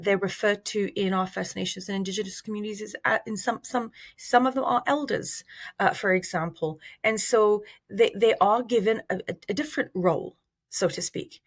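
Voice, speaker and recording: A middle-aged woman from Iraq speaks as an interview guest, her voice sitting at an ordinary pitch. She talks in a measured, thoughtful way, pausing on fillers and restarting phrases as she explains. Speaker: researcher guest. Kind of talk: interview answers.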